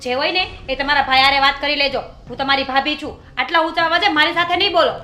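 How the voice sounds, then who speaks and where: An actress plays a sharp-tongued young sister-in-law who answers back indignantly. Her voice is high and bright, and it rings in an echoey room. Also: fast talker, faint music behind. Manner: retorting, indignant.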